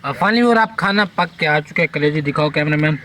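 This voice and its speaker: A man with a Saraiki accent chats to his viewers as he films a village gathering on a handheld phone. His voice sits a little high and stays casual and friendly in tone. The open air around him gives the sound a loose, outdoor feel. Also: brisk, sharp tone, slight background noise, rough recording. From Pakistan. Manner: chatty, addresses viewers directly. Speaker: vlogger. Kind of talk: casual vlog narration.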